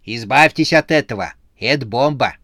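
A man's voice: mid-range voice, lively intonation, normal speed, bright, forceful tone, no room sound, clean studio sound. A man voicing a bossy, short-tempered snow maiden chief who scolds and barks orders at her helpers. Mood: scolding.

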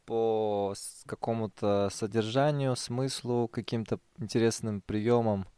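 A man's voice: on the low side, fairly even intonation, measured pace, dark tone, clear, resonant tone, no room sound. A man co-hosting a casual pop culture podcast, talking in a jokey, playful way. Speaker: podcast co-host.

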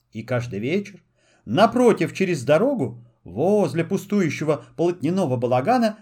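A man narrating a children's fairy tale in an expressive storytelling manner. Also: sits high. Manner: lively, storytelling.

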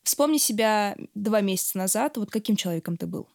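A woman hosting an interview, introducing guests and asking measured, explanatory questions. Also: medium pitch, lively intonation, vocal fry, darkish tone. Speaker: podcast host.

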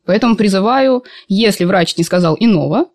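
A woman's voice: medium pitch, expressive, fairly quick, a little mellow, no room sound, studio quality. A woman speaking as an expert endocrinologist, giving conversational medical commentary in an explanatory, good-humoured way.

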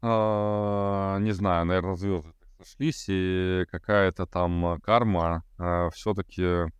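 A man in his thirties with a very low, smooth and resonant voice. He talks as a podcast guest in a loose, hesitant way, full of fillers and self-deprecating chuckles, recorded dry and close. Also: steady tone, slow, no room sound. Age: 30s. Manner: hesitant, many fillers, laughs at himself. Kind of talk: casual conversation.

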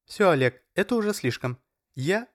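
A male reader voicing a frightened young woman who pleads in a high, strained voice. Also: big pitch swings, normal speed, no echo, clean studio sound. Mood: indignant.

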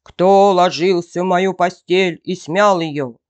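A woman voicing a huge father bear in a storybook, roaring slowly and loudly. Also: fairly low pitch, steady tone, dull audio. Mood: angry. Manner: roaring, slow and loud.

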